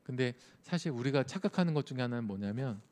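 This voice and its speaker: A man's voice: mid-range voice, animated, fast, a little mellow. A male youth pastor preaching a sermon in a conversational way, often putting questions to his listeners. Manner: conversational, asks the audience questions.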